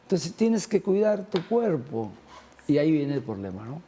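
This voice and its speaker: A man's voice: a little high, sing-song, moderate pace, mellow, slightly rough. A man in a conversational religious talk, discussing faith and healing and retelling gospel scenes with acted-out quotes.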